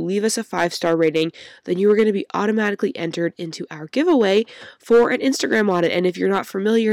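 A woman hosting a solo workshop-style podcast, croaky from a cold and upbeat as she speaks straight to her listeners. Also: medium pitch, a little mellow, no echo, studio quality. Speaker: podcast host.

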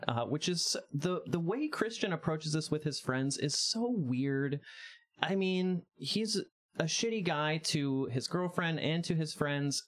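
A man in a casual podcast chat, giving a chatty and opinionated film analysis with many restarts. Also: fairly high pitch.

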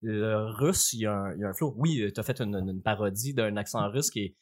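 A man's voice: fairly low pitch, a little fast. A man with a Québécois French accent, a co-host in a casual chat, talking hesitantly and searching for words. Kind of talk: casual chat among friends.

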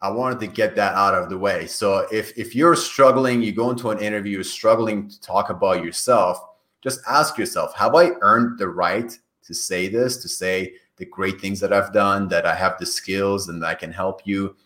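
A man who grew up in Iran, Farsi being his first language, is a podcast guest responding earnestly to interview questions via a call. His low-pitched voice has a sharp tone and a moderate pace, and he often restarts and repeats himself.

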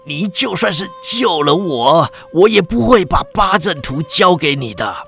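A man voicing a wounded captive in his fifties, speaking hoarse and quiet. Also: a little high, lively intonation, measured pace, soft background music, full character voice. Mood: weak, stubborn. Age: 50s.

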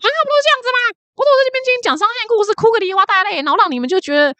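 A woman voicing an exasperated older sister who scolds in a rapid, high-pitched lecture. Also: animated, pushed and bright, dry recording, heavily acted. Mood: scolding.

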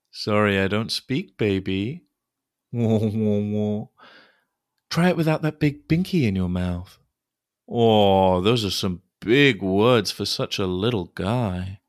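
Male actor as a soft-spoken caretaker: slow, low, dry close recording. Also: creaky, no room sound. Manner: soft, hushed and soothing. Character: gentle coaxing adult caretaker man. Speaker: podcast host. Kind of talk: audio roleplay story.

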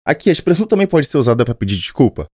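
A man with a Brazilian Portuguese accent plays the curious, joking student on a scripted language podcast. He talks quickly with a lively, varied melody. The recording is close and dry. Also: medium pitch, no echo. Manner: curious, questioning, jokey. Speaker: podcast co-host playing the learner. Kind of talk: scripted educational podcast dialogue.

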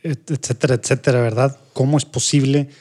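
A man of ordinary pitch chats casually on a podcast, feeling his way through each thought. He circles back, restarts phrases and keeps checking in with his co-host as he speaks. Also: steady tone, a little fast, a little mellow, slightly rough. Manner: hesitant, searching for words, many tag questions.

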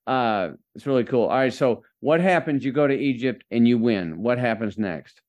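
A man's voice: medium pitch, animated, moderate pace, a little mellow, lo-fi sound. A man hosting a faith-based podcast interview, enthusiastic and preacher-like as he encourages his listeners. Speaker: podcast host.

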